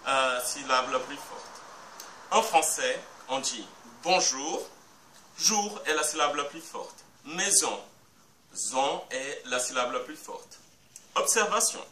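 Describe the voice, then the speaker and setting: A man teaches French phonetics and breaks words into syllables one at a time. He talks very slowly in a bright, somewhat high voice. The sound is roomy and a little distant, with faint background hiss. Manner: slow, careful explanation with spelled-out syllables. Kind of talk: phonetics lesson. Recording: echoey room, a bit far from the mic.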